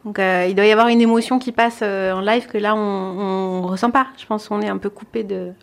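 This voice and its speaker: A woman on a radio panel, sharing measured, thoughtful views. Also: mid-range voice, fairly even intonation, creaky. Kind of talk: casual radio chat.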